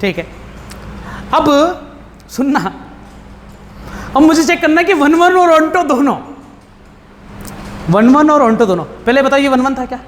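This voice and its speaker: With a very high voice and lively intonation, a man teaches math at a measured pace, pausing often. He fires rhetorical questions at his students bluntly and informally during the classroom lecture. A long hall reverb trails his voice, along with a faint hiss.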